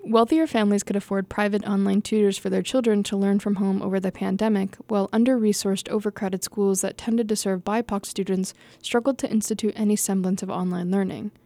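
A young woman reads her own essay aloud at an even, middling pitch, her tone dark and mellow. The recording is close and dry. She sounds casual and easygoing, restarting lines and laughing at her own stumbles. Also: brisk, gravelly, few pauses, no echo. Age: young adult. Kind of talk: reading an essay aloud with unscripted asides.

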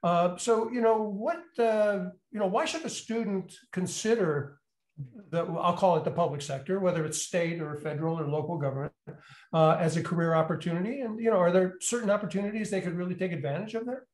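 A man's voice: sits high, a little fast, a little mellow. A man hosting an interview, with many filler uhs and repeated words as he asks questions. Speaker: interviewer, university executive in residence. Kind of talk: hosted interview. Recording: roomy echo.

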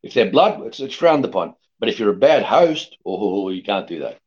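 A middle-aged man raised in Australia, talking casually as a podcast guest in a rambling, lively way with many restarts. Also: on the low side, normal speed. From born in Greece, raised in Australia. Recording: dull lo-fi podcast audio.

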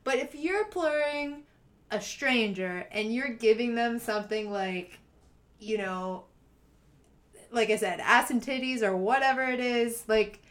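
A woman's voice: a little high, measured pace. A woman co-hosting a podcast, talking in an earnest, emphatic way and laughing easily. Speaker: podcast co-host. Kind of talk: casual chat.

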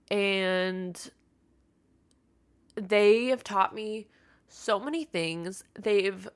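A young woman at an ordinary middle pitch, talking through her own podcast in a loose, rambling way. She circles back on herself and fills gaps with asides, but she sounds open and heartfelt. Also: fairly bright tone. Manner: rambling and chatty, full of fillers and asides. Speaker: podcast host. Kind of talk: casual solo podcast monologue.

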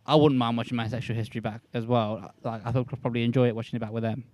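A man in a podcast chat sets up hypothetical questions in a relaxed, offhand way. His voice sits at an average pitch with nothing strained about it. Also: rapid-fire. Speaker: podcast co-host asking questions. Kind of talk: casual chat.

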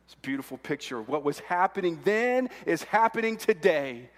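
A male pastor preaches with fervor, his voice sitting high and swinging between quiet asides and shouts. The sermon rings with long reverb through a large church hall. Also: expressive, normal speed. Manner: fervent, emphatic, swings between hushed and shouting.

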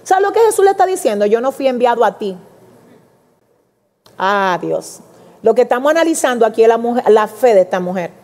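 Woman preacher, animated sermon delivery, higher voice, big reverberant church hall. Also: a little fast, pauses often. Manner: animated, addresses congregation directly, acts out quotes.

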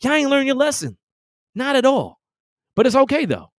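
A man's voice: very high-pitched, wildly swooping pitch, normal speed, no room sound, clean studio sound. A man hosting a podcast, ranting in a casual, gloating and heated way, full of profane trash talk. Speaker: podcast host.

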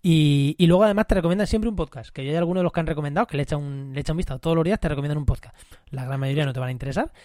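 A man from co-hosting a casual podcast, chatty, repeating words and filling pauses with "eh". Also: a little high, a little mellow, no room sound, clean studio sound. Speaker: podcast co-host.

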